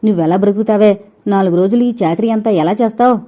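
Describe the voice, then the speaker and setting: Woman doing domineering mother, loud scolding, very dark mellow voice, storybook reading. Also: medium pitch, fast, natural voice. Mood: bitter. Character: proud domineering middle-aged mother, sharp-tongued. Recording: dull lo-fi recording.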